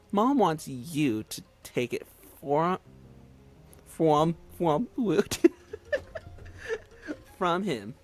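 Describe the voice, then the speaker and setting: A man's voice: on the high side, husky, exaggerated voice. A man voicing a bratty fifteen-year-old girl with a snooty, bossy Valley Girl drawl.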